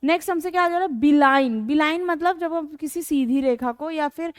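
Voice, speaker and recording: A woman's voice: high-pitched, a little fast, no room sound, studio quality. A woman teaching English vocabulary for exam prep, mixing Hindi and English with an Indian accent, asking students rhetorical questions and calling them beta. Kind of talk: online exam-prep class.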